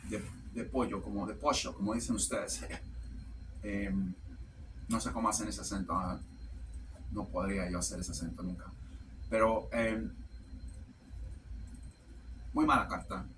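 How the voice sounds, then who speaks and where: A man giving a casual tarot reading to camera. He speaks haltingly, repeats words while searching for the next one, and tacks "ok" onto nearly every phrase. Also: on the low side, distant mic, background noise. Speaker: tarot reader.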